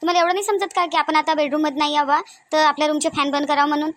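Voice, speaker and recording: A woman voices a domineering, thrifty, short-tempered cartoon mother-in-law, rattling off complaints at a high pitch with a Varhadi Marathi (Vidarbha) accent. Her scolding, sarcastic nagging comes very fast in a level, slightly bright tone, one rhetorical question after another. The comedic dialogue is recorded close and dry, with no room sound.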